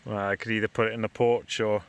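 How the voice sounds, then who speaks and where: Talking fast in a fairly low, level voice, a British camping vlogger chats casually and off the cuff while filming outside. The setting is farmland and woods, and the field recording is clearly noisy.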